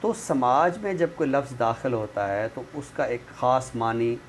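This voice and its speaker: In a clearly noisy room, a man who is a literary expert guest talks a little slowly in a mid-range voice. His explanations are didactic yet conversational, and he often tacks on phrases to make sure the listener is following.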